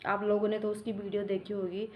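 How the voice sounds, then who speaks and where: A young mother talks in a casual home vlog at a middle pitch. She rambles and restarts as she tells her story plainly. There is faint noise behind her. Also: little pitch movement, fairly quick, highs cut off. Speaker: mother vlogger.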